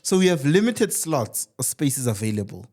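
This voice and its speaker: A man voicing a slick male seminar presenter with a put-on British accent, pitching a deal and building hype. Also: big pitch swings, normal speed, darkish tone. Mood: smooth pitch.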